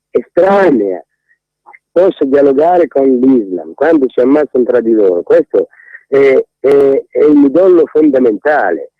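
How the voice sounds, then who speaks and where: A man's voice: mid-range voice, dry recording. A man calling in to a radio talk show over the phone, ranting bluntly and indignantly. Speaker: caller. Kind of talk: radio call-in. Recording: tinny phone line.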